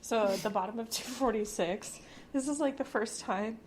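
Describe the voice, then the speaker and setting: A woman's voice: on the high side, moderate pace, a little mellow. Woman, casual podcast co-host, blunt, giggly, faint hiss behind. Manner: giggly, blunt, swears freely. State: hiccuping. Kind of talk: casual chat about a book.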